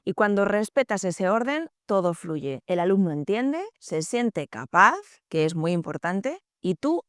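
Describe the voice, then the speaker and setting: A young adult woman, a Spanish teacher, explaining calmly and clearly to camera, stressing key words. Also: medium pitch, dry recording, clean studio sound. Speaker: Spanish teacher, channel host.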